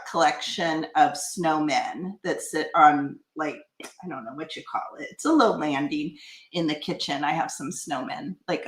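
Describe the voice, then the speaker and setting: A woman chatting excitedly as she opens gifts on her craft vlog, gasping and exclaiming often. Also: mid-range voice. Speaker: craft vlogger. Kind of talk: casual unboxing chat. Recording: echoey room.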